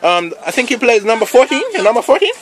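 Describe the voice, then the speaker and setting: Man, very high voice, casual football commentary, excitable, rambling asides. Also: fast. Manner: excitable, bursts into shouts at big plays. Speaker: amateur commentator.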